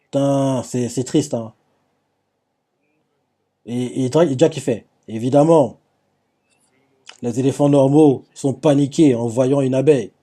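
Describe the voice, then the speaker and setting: A man's voice: medium pitch, slow, long pauses, warm tone. A man recapping anime scenes live, retelling the action with lots of fillers and restarts. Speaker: anime reaction host.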